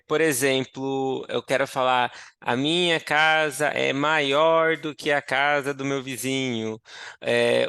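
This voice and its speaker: A young man gives an English lesson at an unhurried pace. His voice is clear and resonant, with a gravelly edge, and it sounds dry and close to the mic. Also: mid-range voice, sharp tone, no room sound. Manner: slow and explanatory, switching between Portuguese and English. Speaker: English teacher. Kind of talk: teaching a language lesson.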